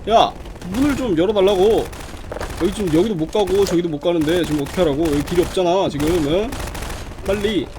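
Chatty high-voiced man over game gunfire. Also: fairly quick, noisy background. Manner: chatty, grumbles at the game, mutters gun noises. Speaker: gaming channel host. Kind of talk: game walkthrough commentary. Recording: loud game gunfire under the voice.

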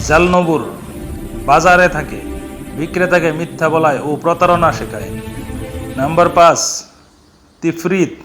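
Higher-voiced man narrating solemnly, noisy background. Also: a bit bright. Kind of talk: scripted religious narration.

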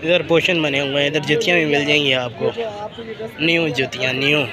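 Holding his phone camera as he walks, a young adult vlogger from Pakistan chats casually and points out sights on the streets and in a market. His voice is on the high side, steady and fairly quick, surrounded by crowd chatter and loud traffic noise.

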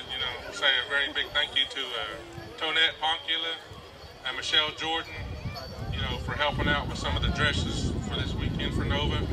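A man working as a powwow emcee, announcing and calling people up in an informal, halting way. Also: mid-range voice. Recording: distant outdoor PA, loud background noise.

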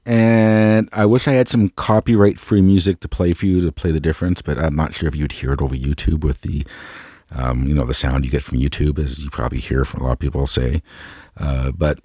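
A man's voice: very deep voice, fairly even intonation, a little fast, dark tone, no echo, clean studio sound. A man with a congested, head-cold voice chatting casually to camera as he hosts a hi-fi gear tour, rambling and enthusiastic. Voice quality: stuffed-up, congested. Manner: rambling, enthusiastic, self-deprecating. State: has a cold. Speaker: host of a hi-fi audio gear tour video.

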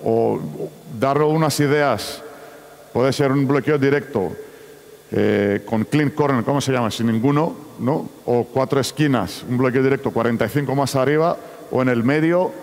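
A man running a basketball coaching clinic, talking in halting phrases with frequent restarts. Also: mid-range voice, a little mellow. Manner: broken, halting delivery with many restarts. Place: large indoor sports arena. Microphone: far camera. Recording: echoey sports hall, from far off.

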